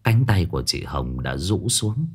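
A man's voice: deep voice, sing-song, a little slow, very noisy. A man narrating a first-person horror story in a dramatic, tense way. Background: faint music.

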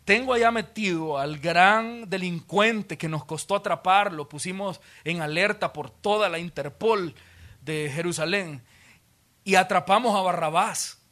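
A Salvadoran man preaches in a church auditorium with a high, bright, forceful voice. He tells the story with drama and slips into the voices of its characters as he goes. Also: unhurried. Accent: Salvadoran Spanish. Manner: dramatic storytelling, acting out scenes with many voices. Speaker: pastor. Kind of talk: sermon.

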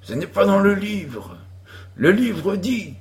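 A man's voice: high-pitched, sing-song, slow, pitched above the performer's own voice, full character voice. A man voicing a bold young boy who plays the hero of an outlaw game, in a theatrical, commanding manner.

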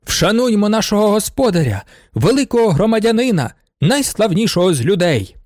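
Man voicing a lawyer, fawning, gushing, high and excitable, audiobook, dry. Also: fairly quick, no echo. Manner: gushing, overeager exclamations. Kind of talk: audiobook character voice.

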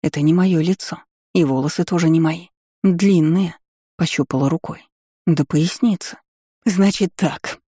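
A woman reads an audiobook in the first person, wry and blunt in her telling. Her voice is dark and mellow. The recording is dry and close. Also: deep voice, moderate pace, breathy edge, no room sound. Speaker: audiobook reader.

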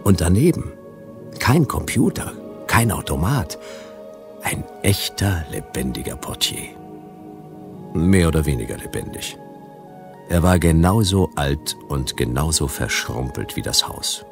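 An actor narrating as a world-weary detective in a wry, hardboiled first-person style for a radio drama. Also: male voice, rumbling low, very animated, a little slow, gravelly, long pauses, over music, exaggerated voice.

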